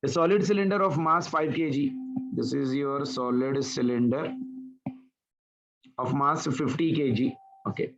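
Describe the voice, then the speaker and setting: A man's voice: medium pitch, unhurried, long pauses, highs cut off. A man teaching physics in an online class, working through problems step by step and asking students for answers. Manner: talks students through steps, asks questions back. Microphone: online class call.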